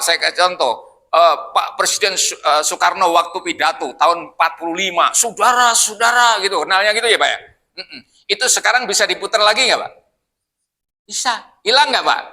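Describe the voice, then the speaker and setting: A man's voice: high-pitched, pushed and bright. A man leading a casual Quran study in a mosque, chatty, often quizzing his listeners directly.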